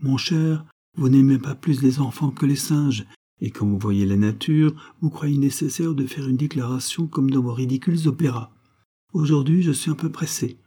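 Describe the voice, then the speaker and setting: A man's voice: mid-range voice, moderate pace, dark tone, husky, voice pushed up, close to an everyday voice. A man voicing a poised, ironic young foreign woman who teases her suitor. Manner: mocking, poised, teasing.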